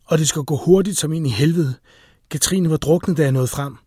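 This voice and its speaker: A man's voice: a little high, fairly even intonation, warm tone, breathy edge, no room sound, clean studio sound. A man voicing a tense, commanding male police detective in an audiobook reading, terse and urgent.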